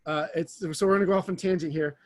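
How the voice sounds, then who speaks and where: A man's voice: fairly high pitch, steady tone, quick pace. A man co-hosting a podcast, telling stories in a rambling, enthusiastic casual chat. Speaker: podcast co-host.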